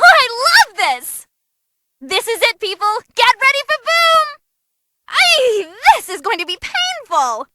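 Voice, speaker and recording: A young woman voices a ringside announcer from a fighting game, a full character performance. Her extremely high, very bright voice swings widely as she commentates, bubbly, theatrical and teasing, with an open, gleeful relish for brutality. There's slight background noise.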